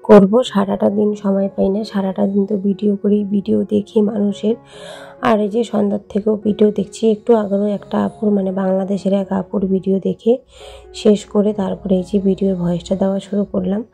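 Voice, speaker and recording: A woman vlogger with a cold, speaking hoarsely and quietly in a chatty, rambling late-night voice-over. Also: mid-range voice, level tone, fairly quick, faint music behind. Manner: speaking softly and hushed.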